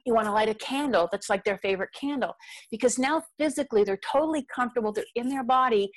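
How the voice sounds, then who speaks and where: A middle-aged woman explaining ideas on communication in marriage in a conversational way, acting out little quotes from her husband. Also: fairly high pitch. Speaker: guest expert on marriage communication.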